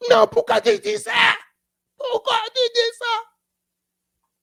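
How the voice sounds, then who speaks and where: A preacher acting out an indignant person who loudly insists they are not shouting, voice jumping high and raw. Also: flat delivery, slow, gravelly, exaggerated voice. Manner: shrill, shouting, defensive.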